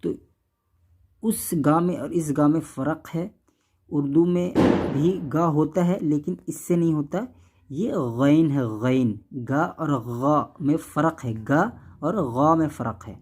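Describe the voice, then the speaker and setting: A man teaching how to read the Quran, saying each letter sound slowly and more than once, contrasting thin and heavy sounds, and checking in often. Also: fairly high pitch, darkish tone. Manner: patient, repeats each sound, keeps asking "okay?".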